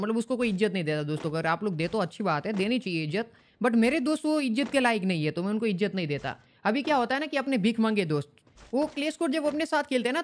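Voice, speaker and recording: A man hosting a casual gaming update vlog, chatty and colloquial, often rephrasing himself and calling his viewers brother and guys. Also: high voice. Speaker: gaming channel host.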